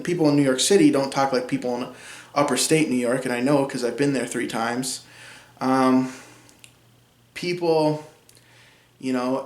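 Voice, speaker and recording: A young man in his twenties with a Minnesotan accent, casually teaching about linguistics, chatty with frequent ums. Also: mid-range voice. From central Minnesota. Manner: chatty, frequent ums, laughs at own remarks. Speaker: linguistics video host. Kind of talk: casual educational talk. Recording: echoey room.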